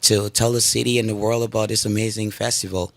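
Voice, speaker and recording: A man's voice: lowish voice, flat delivery, fast, gravelly, no echo. A man from Guyana, a guest on a radio talk show, talking with enthusiasm and many fillers from inside the studio. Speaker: guest, drumming school founder. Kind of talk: radio interview.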